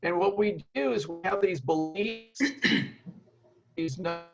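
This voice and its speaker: A man with a fairly high, gravelly voice comes through a video call whose audio keeps breaking up and dropping out. His phrases arrive in fragments, muffled by dull, lo-fi sound. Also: takes it slowly, over music. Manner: speaks in broken, fragmented phrases. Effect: choppy, cutting-out internet call audio. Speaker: speaker on an online forum video call. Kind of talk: casual discussion on a video call. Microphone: computer mic on a video call.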